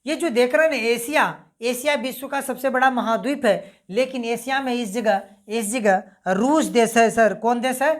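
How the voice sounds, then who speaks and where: A woman's voice: on the high side, moderate pace, hardly any pauses. A woman teaching a geography lesson, repeating points and quizzing her listeners as she goes. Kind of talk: casual classroom-style lesson.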